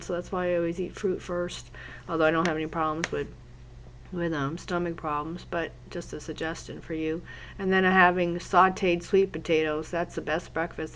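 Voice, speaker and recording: A woman's voice: fairly low pitch, a bit bright. A woman with a congested cold voice, chatting casually and rambling as a fitness teacher while she draws in her journal. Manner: rambling, chatty, wanders off topic. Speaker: fitness instructor and journaling vlogger. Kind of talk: casual chat while drawing.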